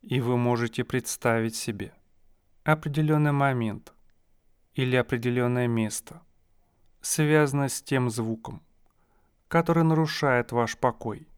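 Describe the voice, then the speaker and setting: A man guiding a listener through a hypnosis session, speaking in slow, soothing, suggestive phrases. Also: mid-range voice, clean tone, dry recording, clean studio sound.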